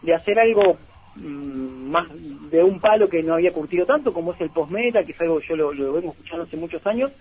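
A man's voice: a little high, lively intonation, quick pace, breathy edge. A man, a guest on a radio show, talking through bands with many fillers and restarts. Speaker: music label guest. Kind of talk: radio interview talk. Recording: dull lo-fi radio sound.

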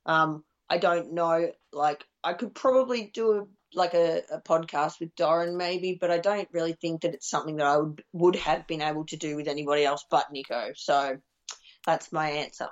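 A woman's voice: sits low, moderate pace, dull audio. A woman co-hosting a podcast in casual chat, rambling with lots of fillers and the odd swear. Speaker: podcast co-host.

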